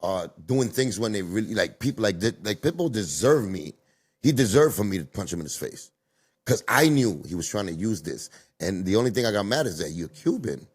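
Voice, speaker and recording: Deep husky man telling stories. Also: animated, a little fast. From Cuba. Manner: storytelling, street slang, emphatic. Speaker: podcast host. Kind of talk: casual chat.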